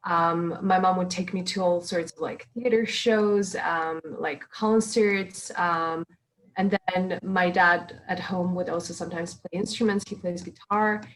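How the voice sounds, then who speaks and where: A woman's voice: lowish voice, fairly even intonation, unhurried, low-quality recording. A young woman who grew up in Serbia and China, answering interview questions in a chatty, hesitant way with lots of fillers. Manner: chatty and hesitant, many fillers, laughs often. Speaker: musician guest.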